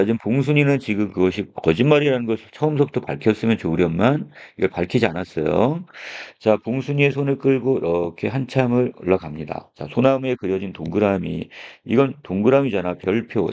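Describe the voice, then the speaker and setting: A man's voice: fairly low pitch, vocal fry, a little mellow. A male teacher giving a classroom lecture on a story, explaining scene by scene and opening many phrases with a filler. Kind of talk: classroom lecture on a literary text. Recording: dull lo-fi recording.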